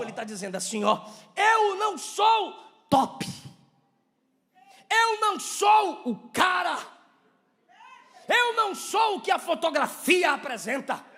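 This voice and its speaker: Gravelly high-voiced Brazilian preacher. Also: male voice. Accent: Brazilian Portuguese. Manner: swings from low, hushed storytelling to shouted preaching. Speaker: pastor. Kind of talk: sermon.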